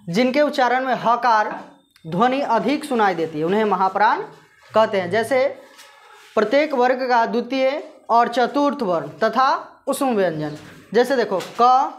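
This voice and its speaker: A woman teacher with a slightly high voice gives a grammar lesson, posing questions and answering them herself as she repeats the key terms.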